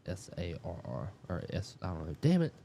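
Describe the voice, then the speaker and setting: A man co-hosts a casual live-stream chat. His voice is a little low but swings widely in pitch. He rambles loosely and swears freely, sounding frustrated and offhand. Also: wildly swooping pitch, moderate pace, gravelly, mellow, a little hiss or hum. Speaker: co-host.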